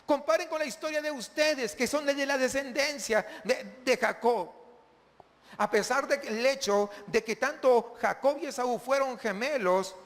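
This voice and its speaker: A man's voice: very high-pitched, unhurried, fairly bright tone, big-room sound. A man preaching a sermon as pastor, often asking the congregation questions.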